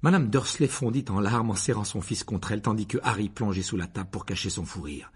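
A man narrating a children's novel aloud, expressive, often dropping to a hush at the ends of phrases. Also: lowish voice, brisk, slightly rough. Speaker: audiobook narrator. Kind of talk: scripted narration.

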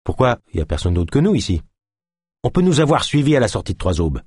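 A man's voice: medium pitch, very animated, quick pace, darkish tone, slightly rough, no room sound, studio quality. A man playing an earnest, worried young male hero who speaks defensively, in an audiobook.

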